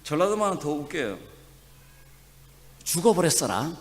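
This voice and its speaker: A pastor from Chungcheong gives a sermon in a high, lively voice that leaps up and down. He drops to near-murmurs and then rises to forceful, emphatic passages. Long reverb from the church hall trails behind every phrase. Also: normal speed. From Chungcheong, South Korea. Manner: swings from soft asides to loud emphatic preaching. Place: church sanctuary.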